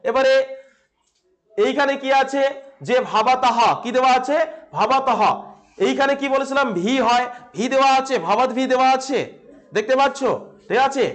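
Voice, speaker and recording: A man's voice: very high voice, a bit bright. A male teacher with a Bengali accent gives a classroom grammar lesson, asking questions and repeating the answers as he checks on his students.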